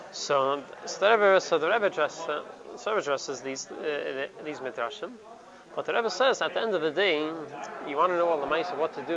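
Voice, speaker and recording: A man gives a Torah lesson in a gravelly, somewhat high voice, stumbling and repeating words as he explains texts. The recording is dull and lo-fi, with a loud crowd heard behind him outdoors. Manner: halting, repeats words, mixes Hebrew terms into English. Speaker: Torah teacher. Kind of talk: Talmudic study lesson. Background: crowd noise.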